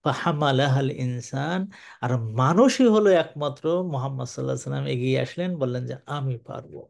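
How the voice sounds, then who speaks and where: An older man delivers lively, colloquial Quran commentary in a sermon style, alternating slow Arabic recitation with rapid speech. His voice is mid-range with vocal fry.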